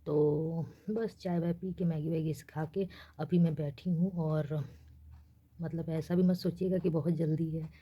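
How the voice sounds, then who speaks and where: A young woman from India chatting casually in a late-night vlog, speaking softly so she won't wake her neighbours. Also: low-pitched, fairly even intonation, a little slow, husky. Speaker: vlogger. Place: small rented room in a girls' hostel, at night.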